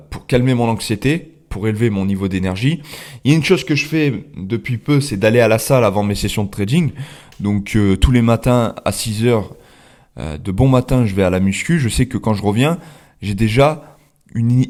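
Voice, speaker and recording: A man's voice: medium pitch, a little mellow. A man hosting a trading channel, explaining his slides in a casual, hesitant way with many fillers and restarts, and candid personal asides.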